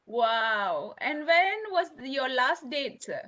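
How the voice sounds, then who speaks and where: A woman's voice: high voice, sing-song, slow pace, fairly bright tone, muffled recording. A woman with a Malaysian English accent hosting an informal online discussion, chatty with many fillers, on a video call. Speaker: academic host of online session.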